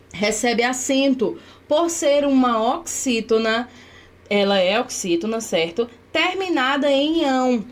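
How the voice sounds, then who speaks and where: Woman teacher, fairly high voice, patient step-by-step grammar explanations, checks in with students after each point. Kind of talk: exam-prep grammar lesson.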